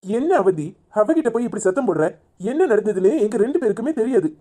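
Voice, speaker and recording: A gruff cartoon father, acted by a woman, defensive and quick to argue. His dark, mellow voice swings widely in pitch. He talks fast. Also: very animated. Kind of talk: cartoon voice acting.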